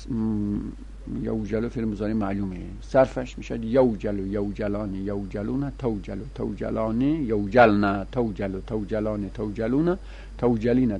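Husky man chanting verb conjugations. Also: lowish voice, darkish tone. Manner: recites conjugations in a sing-song chant. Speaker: teacher. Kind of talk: Arabic grammar lesson, conjugation drills.

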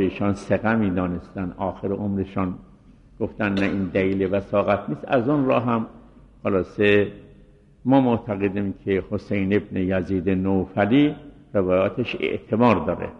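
A middle-aged man teaches a seminary class in a measured, scholarly way and recites Arabic quotations. His voice sits a little low. The recording is muffled and lo-fi, with a long hall reverb trailing after his words. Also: creaky. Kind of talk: scholarly lecture on hadith narrators.

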